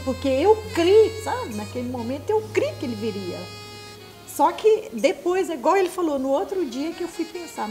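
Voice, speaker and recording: A woman with a fairly high voice speaks as a guest on a church program, recounting events in a conversational way. Faint music plays behind her. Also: a little mellow. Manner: conversational, adds "sabe?" often. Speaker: guest, the storyteller's wife. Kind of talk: church testimony interview.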